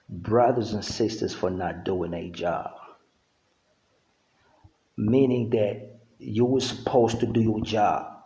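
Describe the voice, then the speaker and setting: A middle-aged man from Uganda with a way of speaking, talking slowly and easily in a casual monologue to camera. His voice is dark and mellow, and the recording sits in a roomy, echoing space. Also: on the low side. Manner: laid-back, conversational, with frequent "you know what I'm saying". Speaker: vlogger.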